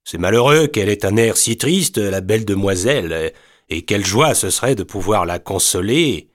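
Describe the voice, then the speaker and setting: Flowery, flirtatious passenger, voiced by a male reader, low voice, storybook. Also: animated, moderate pace, natural voice. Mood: gallant. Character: gallant, ordinary-looking male ventriloquist passenger. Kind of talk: storybook reading.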